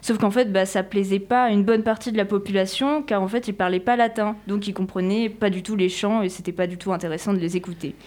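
A woman's voice: mid-range voice, steady tone, quick pace, few pauses, darkish tone. A young woman presenting a radio column in a chatty, self-mocking way, with many fillers. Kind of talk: read radio column with casual asides.

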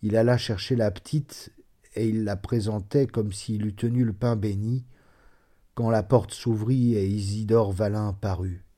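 Slow, dark-voiced man reading a story. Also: fairly low pitch, fairly even intonation. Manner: measured, dramatic reading. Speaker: reader. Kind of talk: scripted narration of a classic short story.

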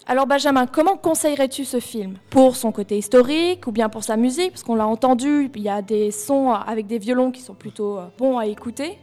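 Woman host, pretty high voice, explaining stuff and asking questions over faint music. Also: a little fast, hardly any pauses, a little mellow. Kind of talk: explanatory talk and questions to guests.

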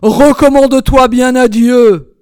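A woman voicing a cruel, hard-hearted nobleman who shouts his threats slowly and loudly. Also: medium pitch, dry recording, clean studio sound, natural voice. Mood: menacing shouting.

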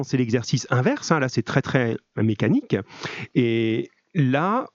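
A man's voice: mid-range voice, darkish tone, no echo, dull audio. A man teaching a live online grammar class, encouraging and chatty with many fillers, heard over a video call.

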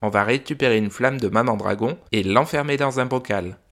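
A man's voice: medium pitch, a little fast, a bit bright, close to an everyday voice. A man voicing a helpful young space explorer with eager ideas, in a children's story.

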